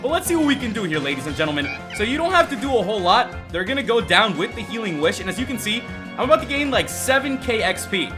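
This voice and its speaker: A man's voice: sits high, very animated, quick pace. A young man from El Salvador giving upbeat, chatty gameplay commentary, talking straight to his viewers. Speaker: let's play host. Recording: music playing behind the voice.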